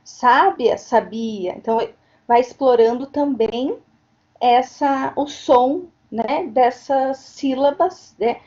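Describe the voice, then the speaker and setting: A woman's voice: high voice, slow pace, warm tone. A woman giving an online lecture as a teacher educator, explaining at length and often tagging on questions to check understanding. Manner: explanatory, frequent tag questions. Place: home, virtual meeting. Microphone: computer mic on a video call. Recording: dull lo-fi online recording.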